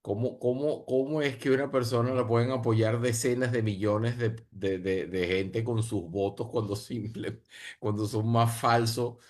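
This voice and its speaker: Earnest guy answering a panel question, keeps repeating himself, normal pitch, video call. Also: fairly even intonation, measured pace, darkish tone. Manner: earnest, repeats and restarts phrases. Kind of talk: reflective answer in an online panel.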